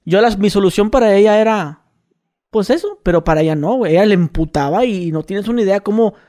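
A man with a Mexican Spanish accent, co-hosting a casual podcast and telling stories in fast, slangy talk. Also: high-pitched, lively intonation, mellow. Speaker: podcast co-host. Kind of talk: casual chat.

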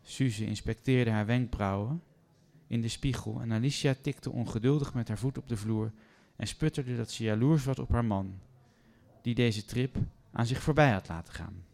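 Male storyteller, mid-pitched, calm and measured read-aloud. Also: vocal fry. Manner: calm, measured, first-person telling.

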